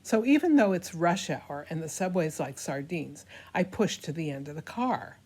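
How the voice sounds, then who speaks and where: A woman's voice: low voice, lively intonation, moderate pace, darkish tone, slightly rough. An older woman giving a hammy, theatrical dramatic reading of a first-person comic story, acting out the dialogue as she goes. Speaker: performer reading a comic monologue.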